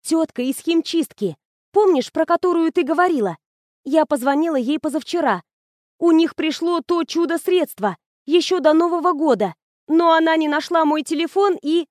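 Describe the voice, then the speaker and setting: A woman's voice: extremely high pitch, moderate pace, no echo, clean studio sound, pitched above the performer's own voice. A woman reading the lines of a shy, smitten young woman student in an audiobook. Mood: excited. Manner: bashful, flustered, excited.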